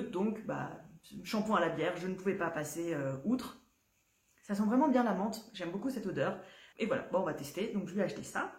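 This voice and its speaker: Chatty woman in an echoey room. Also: fairly low pitch. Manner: chatty, many fillers and restarts, laughs easily. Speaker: knitting podcast host. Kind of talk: casual chat to camera. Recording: roomy echo.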